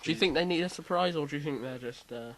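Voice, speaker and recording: A man hosting a casual quiz chat, reading out questions with lively emphasis. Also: a little high, fast. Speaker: quiz host.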